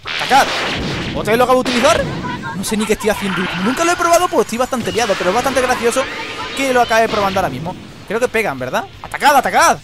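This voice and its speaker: Fast, high-voiced young Spanish gamer. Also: male voice, very animated. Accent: Spain Spanish. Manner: rapid, jokey, exclamatory, swears often. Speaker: gameplay commentator. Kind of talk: excitable let's-play commentary. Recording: game music playing behind. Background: game music.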